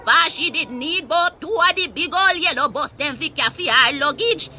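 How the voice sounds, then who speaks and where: A woman's voice: sits high, animated, normal speed, pushed and bright, faint music behind, full character voice. A woman playing a feisty, gossipy old Jamaican grandmother in a comic audio story, ranting indignantly and with exclamations in Patois. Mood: scandalised, amused. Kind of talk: comic monologue rant in Patois.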